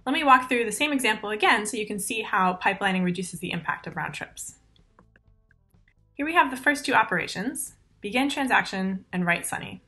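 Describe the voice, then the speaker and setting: A woman in her thirties giving a recorded conference talk over slides, explaining technical steps clearly and methodically into a laptop mic. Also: medium pitch, animated, fairly quick, bright, forceful tone, soft background music. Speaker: conference presenter.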